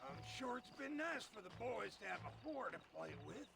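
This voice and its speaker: An actor voicing a crude, taunting captive outlaw in a video game, sneering and vulgar. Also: male voice, extremely high pitch, very animated, moderate pace, creaky, over music, exaggerated voice.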